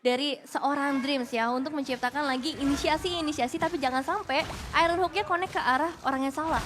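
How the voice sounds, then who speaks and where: A woman's voice: high-pitched, brisk. A woman with an Indonesian accent giving analytical esports commentary as a caster. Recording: clear background noise and ambience.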